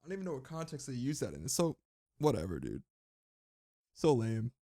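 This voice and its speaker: Relaxed curious male podcast host. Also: medium pitch, a little fast, creaky, dry recording, clean studio sound. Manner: relaxed, curious, casual swearing. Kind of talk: casual chat.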